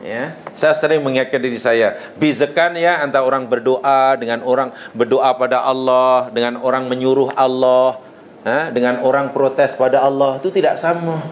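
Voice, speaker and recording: A middle-aged man with a Malaysian Malay accent giving a lively religious lecture full of rhetorical questions. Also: mid-range voice, moderate pace, slight background noise, poor audio. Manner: lively preaching with rhetorical questions and acted prayers.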